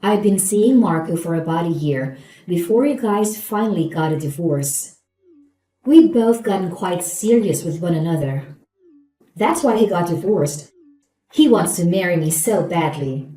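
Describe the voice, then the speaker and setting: A woman's voice: fairly low pitch, animated, unhurried, dark tone, reverberant, rough recording. A woman acting a gloating, falsely polite new wife in a scripted story, with a saccharine, condescending manner. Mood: smug.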